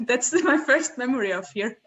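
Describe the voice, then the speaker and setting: A woman in her twenties from the Dominican Republic, a podcast guest talking in a halting way, searching for words. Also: fairly high pitch, expressive, a bit bright. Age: 20s. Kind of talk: casual interview chat.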